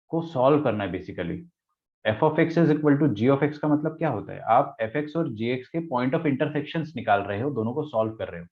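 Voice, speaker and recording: Man teaching maths over tinny audio. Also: mid-range voice. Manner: explains step by step, asks rhetorical questions and answers them. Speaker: math teacher. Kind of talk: online lecture in Hindi-English mix. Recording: tinny phone-like lecture audio.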